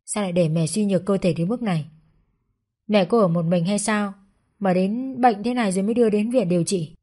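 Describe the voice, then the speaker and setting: Storybook: woman doing a blunt, matter-of-fact male doctor, mellow tone. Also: mid-range voice, brisk, natural voice. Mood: stern. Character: stern middle-aged male hospital doctor. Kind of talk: storybook narration.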